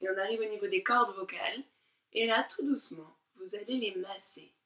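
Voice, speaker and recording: A woman teaching a diction warm-up lesson, articulating syllables slowly and with exaggerated care while guiding exercises. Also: medium pitch, reverberant, far from the mic. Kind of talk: online speech warm-up lesson.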